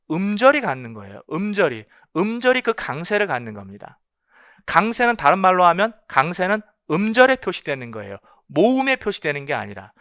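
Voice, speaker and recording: A man's voice: fairly high pitch, fairly bright tone, dry recording, clean studio sound. A man giving an exam-prep lecture on English linguistics, emphatic, asking rhetorical questions and repeating key points.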